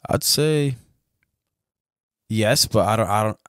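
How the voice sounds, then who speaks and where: A man's voice: fairly low pitch, slow pace, smooth, no echo, studio quality. A man appearing as a podcast guest, talking casually in slangy English that is peppered with Spanish words.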